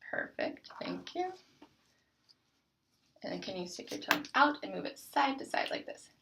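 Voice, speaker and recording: A young woman, a student clinician, giving calm, patient step-by-step instructions in a practice oral exam. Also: mid-range voice, normal speed, creaky, background noise.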